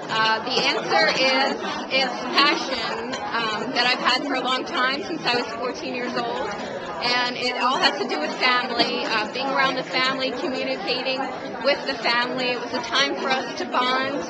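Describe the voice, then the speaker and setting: A woman with a high, bright-pitched voice explains her answer earnestly, pausing on fillers. She was recorded in a conference hall thick with crowd chatter. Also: level tone. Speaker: executive chef. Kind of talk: short interview answer at a conference.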